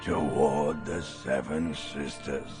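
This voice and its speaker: A man playing a weary middle-aged man who sings a slow, mournful karaoke ballad in a video game, with a gravelly, lizard-like croak. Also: very deep voice, steady tone, exaggerated voice. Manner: slow, drawn-out melancholy singing. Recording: loud music under the voice. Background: music.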